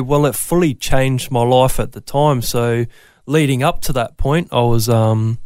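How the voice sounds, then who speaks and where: Speaking as an interview guest, a man from Brisbane recounts his own experience in a relaxed, slightly hesitant way with a Queensland Australian accent. His mid-range voice is a little mellow and clean, captured in clean studio sound with no echo.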